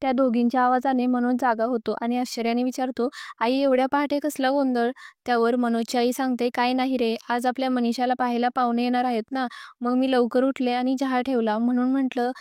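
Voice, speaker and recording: A woman's voice: on the high side, little pitch movement, a little fast, a little mellow, smooth, no echo, studio quality. A woman narrating a recap of a television serial episode, reading every character's lines in her own voice. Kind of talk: read-aloud plot recap narration.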